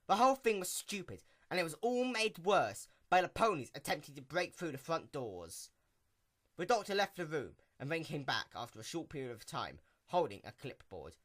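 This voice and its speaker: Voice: mid-range voice, big pitch swings, moderate pace, a bit bright. A narrator reading stories aloud in a hammy, theatrical stage-actor manner, like a dramatic reading with character voices. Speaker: narrator doing dramatic readings of fan fiction.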